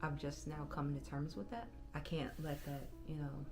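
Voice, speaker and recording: Woman, 30s, low voice, halting personal vlog, clear music underneath. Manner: reflective, halting, self-correcting. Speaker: channel host. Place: bedroom.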